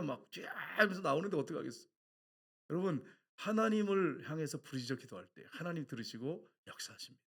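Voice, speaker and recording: Man, middle-aged, pastor, sermon, husky, fairly high voice, animated storytelling. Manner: animated storytelling with shouted quotes.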